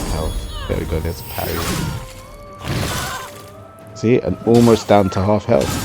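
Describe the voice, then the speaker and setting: A man with a low, creaky voice gives casual gameplay commentary as a gaming video commentator. He's explanatory and conversational, often tacking on "you know", with music playing under his voice.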